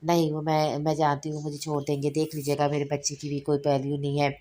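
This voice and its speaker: A woman's voice: low voice, completely flat delivery, fast talker, dark tone, natural voice. A woman reading a novel aloud, voicing a despairing young wife in tears. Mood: tearful. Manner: sobbing, despairing. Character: tearful pregnant young wife.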